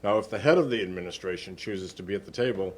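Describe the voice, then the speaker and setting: A man speaking as a city councilor in formal procedural debate, persistent and deliberate, sometimes off-mic in a chamber. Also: low-pitched.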